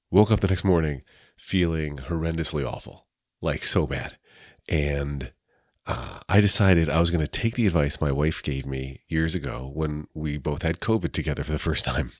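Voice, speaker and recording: This is a man in his forties whose voice is hoarse from being sick. His voice sits very deep, and the sound is close and dry, with no room around it. He tells stories from his life in a loose, chatty way, full of self-deprecating asides. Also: no room sound. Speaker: host of a daily personal show. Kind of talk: casual storytelling monologue.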